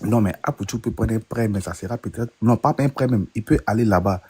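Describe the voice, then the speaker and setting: A man on a live-stream panel, explaining quickly and keeping to seek agreement from others. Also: on the low side, warm tone, husky.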